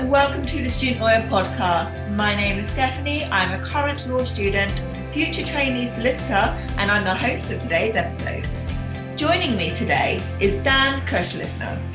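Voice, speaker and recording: A woman's voice: on the high side, animated, normal speed, echoey room, music in the background. A young woman hosting a podcast interview, speaking with many fillers and hesitations. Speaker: podcast host.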